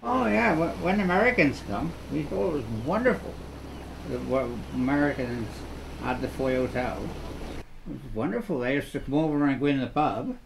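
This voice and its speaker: An older man, reminiscing in a documentary interview with halting restarts. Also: mid-range voice, expressive, gravelly, noisy background. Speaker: village resident. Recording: music playing underneath.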